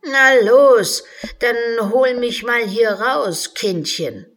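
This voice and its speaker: A woman's voice: fairly high pitch, very slow, pitched above the performer's own voice, exaggerated voice. Woman putting on a whiny tiny unicorn. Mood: bossy. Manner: loud, complaining, cries out in pain.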